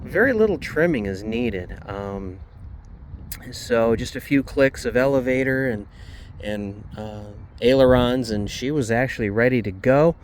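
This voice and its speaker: A man with a sore, slightly swollen jaw, talking a little oddly and haltingly as he hosts a casual hands-on hobby review. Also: mid-range voice, lively intonation, slight background noise. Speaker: RC hobby channel host reviewing a model plane.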